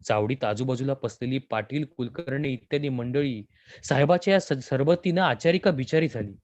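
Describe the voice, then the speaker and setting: A man reading a story aloud in a measured, expressive way. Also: mid-range voice, no echo. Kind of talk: scripted story narration.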